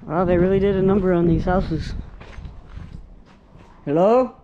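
Guy wandering thru abandoned houses w a handheld cam, low-key mellow voice, just chatting as he goes. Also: a little slow, highs cut off, a little hiss or hum. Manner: relaxed, offhand comments while exploring. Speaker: urban explorer vlogger. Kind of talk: casual walkthrough narration. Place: outdoors and inside empty abandoned houses.

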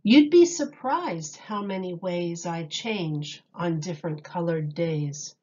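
A woman reading a children's picture book aloud like a teacher, deliberately and expressively, with dramatic emphasis on key words. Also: fairly low pitch, expressive, mellow, breathy edge, dull audio.

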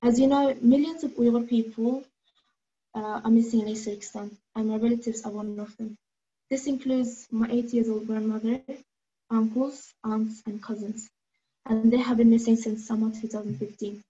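A woman's voice: on the high side, steady tone, mellow. Earnest teenage girl on a muffled call. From Norway. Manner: earnest, measured, with frequent hesitations. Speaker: speaker giving testimony. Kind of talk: prepared personal testimony. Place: room at home, indoors. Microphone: video call. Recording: muffled video call audio.

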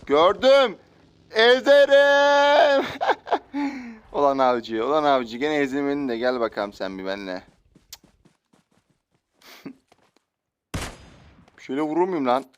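A man's voice: medium pitch, moderate pace, pauses often, clean tone, dull audio. A man giving live gameplay commentary as a gaming video host, taunting enemies and chatting to viewers. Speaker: gaming YouTuber.

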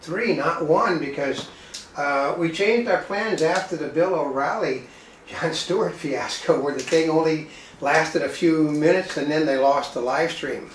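Speaking unhurriedly in a fairly high voice, a man rambles and jokes drily at his own expense while bantering on a live home cooking show. A distant camera mic picks him up from across the indoor home kitchen, giving a roomy sound with slight background noise.

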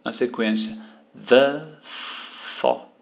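A Brazilian man teaching English pronunciation, slowly repeating words for the learner. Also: medium pitch, wildly swooping pitch, highs cut off. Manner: slow, deliberate, repeating words to model pronunciation. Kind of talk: language lesson explaining pronunciation.

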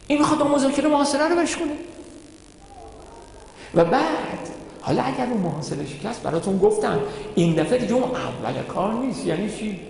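A man with a very high voice delivers a sermon in a large hall, and his words ring out with a long reverb. He tells his stories with energy and keeps asking his listeners questions. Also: gravelly. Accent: Iranian Persian. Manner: animated storytelling, rhetorical questions. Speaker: cleric lecturer. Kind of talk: religious lecture.

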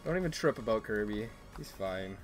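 A man hosting a game livestream, chatting casually and bursting into playful mock-outraged yelling for his chat. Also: fairly low pitch, lively intonation, normal speed, over loud music. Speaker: gaming livestream host.

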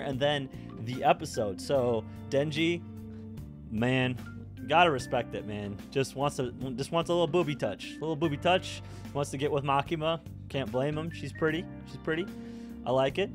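A young man casually reacting to and discussing an anime episode at home, laughing often and breaking into loud exclamations. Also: on the high side, brisk, over music. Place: home room with a red-walled display shelf, indoors.

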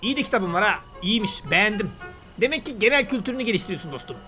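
A man talking excitedly and casually while he plays a game and comments on it. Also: sits high, rapid-fire, faint music behind. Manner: chatty, excitable, slangy banter. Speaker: gaming YouTuber. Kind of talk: let's play commentary.

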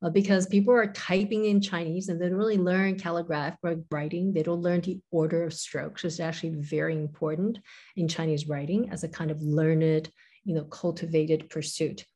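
Speaking over a video call from a windowed room at home, a woman in her forties, an academic and author, talks through ideas thoughtfully in an interview, frequently saying "kind of" and "you know." Her voice is on the low side, dark, steady and slightly breathy, with a moderate pace.

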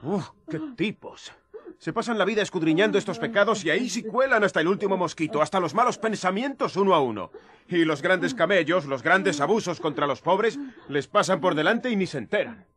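An actor playing a passionate, plainspoken young Jesus who defends the poor in a Latin American radio drama. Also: male voice, sits high, expressive, brisk, fairly bright tone. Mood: exasperated. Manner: challenging, pointed rhetorical questioning.

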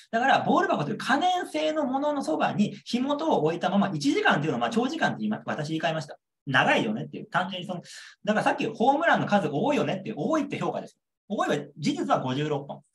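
A young man with a high-sitting voice lectures on a model exam answer, going over key points repeatedly and checking understanding with rhetorical questions.

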